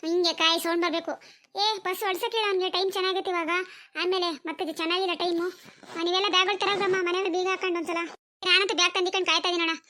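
A woman voicing a bossy middle-aged village mother in a comedy cartoon, giving quick orders and chattering. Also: extremely high pitch, level tone, sharp tone. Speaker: cartoon character.

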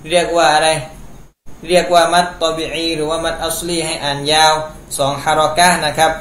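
This male Quran teacher speaks a little high and a bit bright, with a flat delivery at a slightly fast clip. His lesson goes step by step: he recites a phrase, then patiently walks through its pronunciation rules. It was recorded in an echoey room at home with faint noise.

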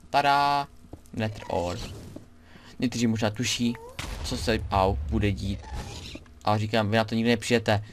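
A man's voice: fairly low pitch, slight background noise. A young man giving casual, chatty commentary while he plays a game, talking both to himself and to his viewers. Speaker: let's play gamer.

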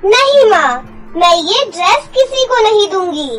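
A woman's voice: very high-pitched, animated, a little slow, over loud music, pitched above the performer's own voice. A woman voicing a tearful, mistreated young girl in a cartoon story, pleading and weepy. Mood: defiant.

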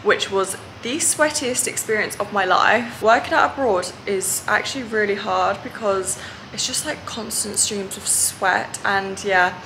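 A woman's voice: mid-range voice, a little slow, vocal fry, noisy background. A young woman in her twenties telling holiday stories in a chatty, giggly way for her travel vlog. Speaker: vlogger. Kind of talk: casual travel vlog chat.

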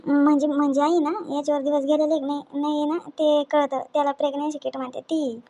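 A woman's voice: sits high, level tone, fairly quick, warm tone, slight background noise. A young woman playing a defensive, pleading daughter-in-law in a home drama.

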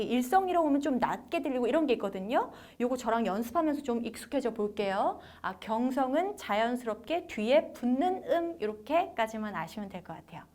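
A young woman teaching a beginner Chinese lesson, her pitch sitting high and moving a lot. She encourages learners and slides her voice up and down to show each tone. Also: darkish tone. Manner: encouraging, demonstrates tones by sliding her voice up and down. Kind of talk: lively language lesson for beginners.

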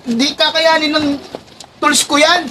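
A man playing a boastful, bossy village circumciser in a comedy skit, loud and swearing. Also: extremely high pitch, fairly even intonation, measured pace, slight background noise, heavily acted. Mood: scolding.

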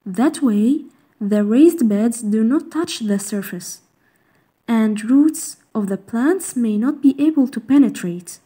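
A woman reading a scripted voice-over in a measured, even list-reading way, narrating step-by-step tips. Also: fairly high pitch, husky. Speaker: narrator of a garden design slideshow.

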